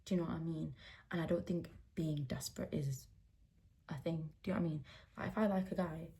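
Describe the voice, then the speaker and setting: Candid young woman with a gravelly low voice. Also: fairly quick, warm tone. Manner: candid, rambling, lots of fillers. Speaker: beauty vlogger. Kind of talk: casual chat while doing makeup. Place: indoors at home, getting ready.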